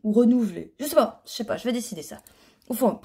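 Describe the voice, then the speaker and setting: A woman's voice: on the high side, animated, quick pace, mellow, breathy edge. A woman chatting casually in a home knitting vlog, rambling with restarts and hesitations as she shows her yarns. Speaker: knitting vlogger and yarn dyer. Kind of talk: casual chat. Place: home living room, on the sofa.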